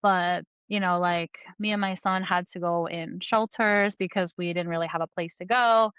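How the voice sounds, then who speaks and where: On a podcast, a woman in her thirties from New Jersey, a comic book artist, tells her life story in a casual interview, wandering through it with fillers and laughs. She has a lowish, steady, fairly bright and smooth voice at a moderate pace, captured without echo but with dull audio.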